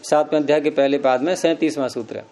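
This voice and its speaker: A man's voice: on the high side, steady tone, fast talker, a little mellow. A man teaching Sanskrit grammar, explaining step by step and quizzing his students with questions. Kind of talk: classroom lecture.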